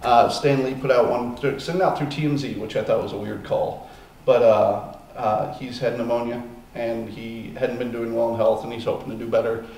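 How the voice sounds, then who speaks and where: A man's voice: mid-range voice, little pitch movement, moderate pace, a little mellow. A man hosting a podcast in casual chat, rambling with plenty of ums and uhs. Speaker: podcast host. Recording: echoey room, distant mic, faint noise.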